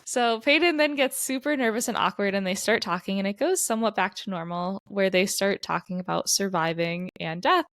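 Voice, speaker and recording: Animated woman podcast co-host, dry sound. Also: mid-range voice, a little fast, hardly any pauses, dry recording. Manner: animated, emphatic retelling with bursts of exasperation. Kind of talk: casual book-discussion chat.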